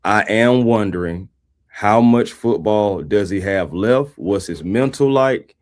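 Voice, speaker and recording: A man's voice: lowish voice, takes it slowly, darkish tone. A man co-hosting a live sports show, chatting casually and animatedly, greeting the chat and talking football. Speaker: sports podcast co-host.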